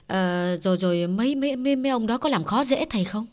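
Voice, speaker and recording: A man voicing an eager woman client who asks questions and flatters the fortune teller. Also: sits high, fast talker, pitched above the performer's own voice. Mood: curious.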